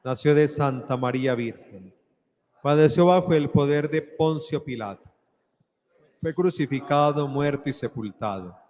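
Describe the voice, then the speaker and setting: A man speaking as a priest at Mass, leading homily and prayer in a measured, declamatory way in an echoing church. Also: a little high, darkish tone. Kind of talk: solemn liturgical homily and prayer. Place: large church, live Mass. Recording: echoey church hall with long reverb.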